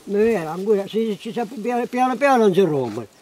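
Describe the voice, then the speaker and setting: A man's voice: sits high, sing-song, a little fast, a crowd in the background. A man with a Sicilian accent chatting casually outdoors in short, repeated phrases, on a field recording. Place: outdoors in the countryside.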